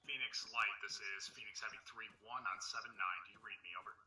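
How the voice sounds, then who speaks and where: A man heard over an in-game radio, giving clipped procedure calls as a helicopter flight lead, brisk and directive. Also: lowish voice, steady tone, bright, forceful tone. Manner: brisk and directive, uses radio brevity terms. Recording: distant radio voice with light noise.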